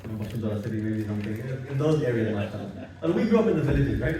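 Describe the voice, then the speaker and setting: A man from Bangladesh leads a relaxed religious halaqah at a home living room gathering, speaking with a warm tone, a medium pitch, and a racing pace. He's repetitive and sprinkles in religious phrases. The room is echoey and he sits far from the mic, with slight background noise.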